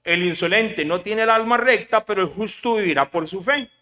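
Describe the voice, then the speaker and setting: High, bright-voiced preacher in a reverberant hall. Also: male voice, normal speed. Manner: lively preaching, rhetorical questions to the congregation, mixes in English words. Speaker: pastor. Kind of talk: sermon.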